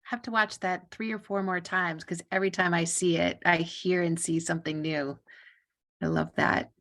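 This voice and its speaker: A woman's voice: on the low side, creaky, a bit bright. A woman moderating a webinar, chatting in a friendly way and steering the discussion to her guests. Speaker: webinar moderator for a music foundation. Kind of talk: hosting a webinar conversation.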